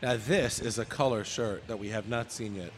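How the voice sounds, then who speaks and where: A man's voice: fairly low pitch, normal speed, slight background noise. A man co-hosting live parade coverage outdoors with casual banter. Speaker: parade co-commentator. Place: outdoors on a city street at a parade. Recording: loud music behind, outdoor street broadcast. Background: loud music, street sounds.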